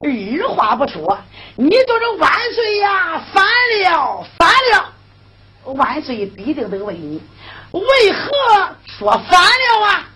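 A sly court minister coaxes and plots in a hushed-then-lifting voice, as a woman puts him on. The tone is bright and high, with lively swings in pitch. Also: slow, a little hiss or hum, exaggerated voice. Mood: coaxing. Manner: coaxing, conspiratorial.

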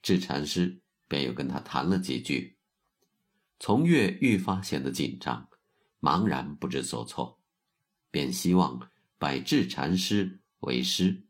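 A middle-aged man narrating a story in a measured, storyteller's way as a show's host. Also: very deep voice, very animated, breathy edge. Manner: slow, measured storyteller's delivery.

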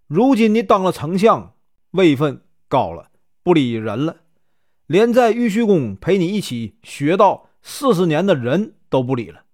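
A man's voice: a little high, big pitch swings, moderate pace. A man voicing Shen Gongbao, an arrogant boastful male Taoist immortal who taunts and scorns, in a spoken storybook telling. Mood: scornful.

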